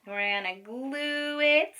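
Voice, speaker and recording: Her voice sits high and sounds sharp, and she speaks slowly as she guides children through a craft one step at a time. This woman is a special education teacher, relaxed and patient, frequently pausing to check on the kids. It's picked up by a distant mic.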